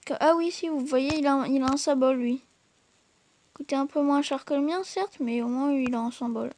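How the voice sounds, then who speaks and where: High-voiced woman giving hesitant gameplay commentary. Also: moderate pace, a little mellow, slight background noise. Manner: hesitant, full of fillers and restarts; chatty, addresses viewers directly. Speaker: gaming channel host.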